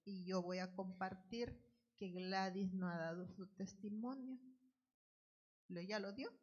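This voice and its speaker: Slow husky woman giving church testimony. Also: medium pitch, fairly even intonation, darkish tone, lo-fi sound. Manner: earnest, unhurried, loose and repetitive phrasing. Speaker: church member giving testimony, Bible study leader. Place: church sanctuary, at the altar.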